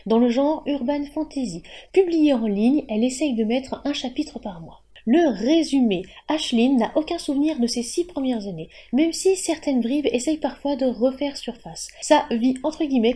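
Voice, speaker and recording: A woman's voice: high-pitched, mellow. A woman hosting a monthly book news show, reading in a scripted news style with playful whispered asides.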